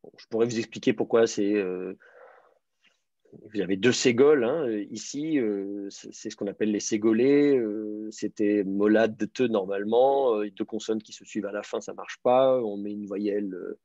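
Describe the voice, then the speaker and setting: With a lowish, mellow voice at normal speed, a man patiently explains an online lesson step by step, stumbling through fillers, restarts, and repeated words. The audio is dry, with no echo and a slightly dull lo-fi quality.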